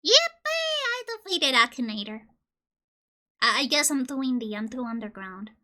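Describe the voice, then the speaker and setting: A woman from Colombia streaming casually, joking and reading game questions aloud, with sudden loud squeals. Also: fairly high pitch, sing-song, normal speed.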